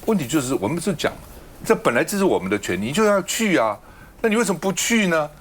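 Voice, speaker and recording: A man's voice: fairly high pitch, very animated, quick pace, a little hiss or hum. A man hosting a political talk show, arguing his points with a stream of rhetorical questions into a studio mic. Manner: argumentative, fires off rhetorical questions.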